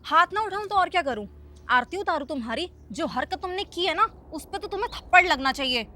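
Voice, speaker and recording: A woman's voice: very high voice, expressive, brisk, pushed and bright, heavily acted. A woman acting as a hot-tempered wife in a short drama, scolding her husband and later begging him to stay. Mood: angry scolding. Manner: scolding, then pleading. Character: hot-tempered young wife, proud then pleading. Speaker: angry wife. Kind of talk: scripted web short drama.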